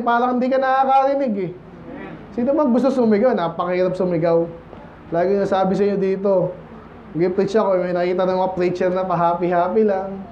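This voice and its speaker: A man with a high voice preaches a Sunday sermon in a loose, conversational way, slipping English phrases into his talk. He keeps checking in with the congregation for an "Amen." The recording is somewhat dull, with faint noise underneath. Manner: mixes English phrases into Tagalog. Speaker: pastor. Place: church.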